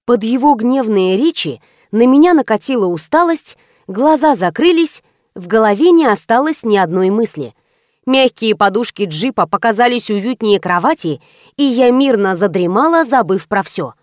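A woman reading a first-person audiobook with lively, ironic storytelling. Her voice sits fairly high, and the recording is dry and close, with no room echo. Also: normal speed. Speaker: audiobook narrator.

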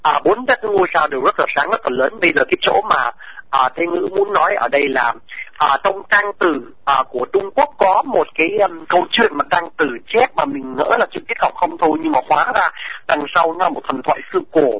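A man presenting an educational radio talk, explaining at length, addressing listeners formally, and pausing often to hesitate. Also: a little high, big pitch swings, bright, forceful tone, husky, dry recording, low-quality recording.

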